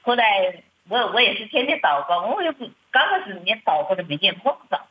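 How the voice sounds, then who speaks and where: A woman's voice: medium pitch, big pitch swings, fairly quick, breathy edge. A middle-aged woman, a church member, telling her family troubles in a hesitant, plaintive way, often repeating words and restarting. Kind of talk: halting personal account. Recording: muffled lo-fi recording.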